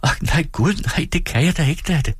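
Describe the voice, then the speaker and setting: A childish young wife pleads and sulks in a high, soft voice, as a man reading aloud puts her on. She sounds husky, with a dry close sound. Every line comes out plaintive and teary, like a spoiled girl in a storybook. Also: expressive, dry recording. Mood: sweet teasing. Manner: sulky, plaintive, quick to tears.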